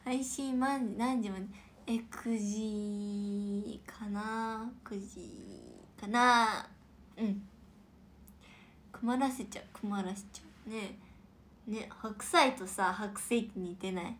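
A young woman hosting a casual livestream and reading out viewer comments, with a chatty, playful manner and soft whispered asides. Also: mid-range voice, measured pace, a little hiss or hum. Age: young adult.

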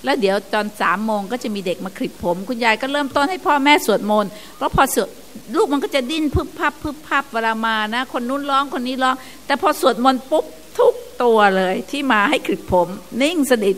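An older woman, a nun on a radio show, gently teaching about chanting and family life. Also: high-pitched, expressive, fairly quick. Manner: gentle teaching, sometimes laughs and mimics chanting. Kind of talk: dharma talk on radio.

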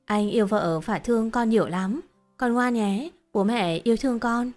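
A woman's voice: fairly high pitch, moderate pace, a little mellow, soft background music, lightly acted. A woman voicing a young husband in a told story, coaxing and offhand. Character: smooth-talking young husband, flattering and dismissive.

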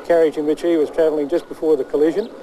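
A man's voice: on the high side, level tone, racing, dark tone, a little hiss or hum, rough recording. Careful male police officer outdoors. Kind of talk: press statement.

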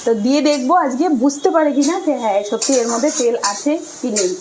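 A woman's voice: high-pitched, quick pace, noisy background. A woman chatting to viewers as she cooks in her home kitchen. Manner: chatty, talks to viewers while cooking. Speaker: cooking vlogger. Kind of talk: casual cooking narration. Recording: kitchen clatter behind voice.

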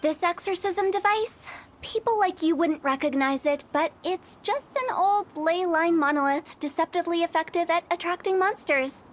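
A woman's voice: very high voice, moderate pace, a little hiss or hum. A woman voicing a playful, eccentric young funeral director in a game, teasing theatrically as she reveals a prank. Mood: teasing, gleeful. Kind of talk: animated game character acting. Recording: music behind the voice. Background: music.

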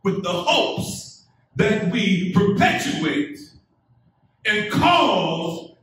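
A middle-aged male pastor gives a sermon indoors in a medium-sized church sanctuary, his deliberate phrasing marked by big pitch swings and a voice that is high for a man and a bit bright. He builds to emphatic peaks that invite the congregation to respond. The mic is distant, the sound heavily echoey, with a little hiss or hum.

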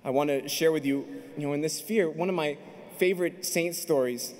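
A man in his thirties gives a fervent sermon from a pulpit microphone, his voice high for a man. He builds phrase by phrase to emphatic peaks. The sound carries a long, spacious arena reverb. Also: moderate pace, darkish tone. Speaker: priest. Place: large indoor arena. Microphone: stand mic at pulpit.

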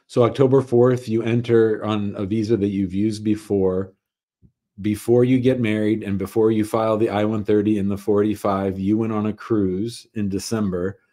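Speaking at a moderate pace in a fairly low, dark-toned voice with fairly even intonation, this middle-aged man runs an immigration advice call-in show. A lawyer working from his home office, he goes over the caller's situation point by point, heard through a webcam on a video call.

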